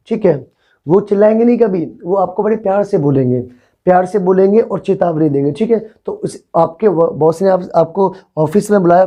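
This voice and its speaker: Mellow-voiced male vocabulary teacher. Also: sits high. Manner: explains patiently, repeats words, often asks the class if they follow. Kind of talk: classroom vocabulary lesson.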